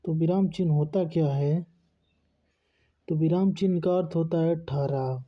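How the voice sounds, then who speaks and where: A man teaching a lesson, asking questions and answering them himself. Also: fairly high pitch. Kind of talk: classroom lesson. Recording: dull lo-fi recording.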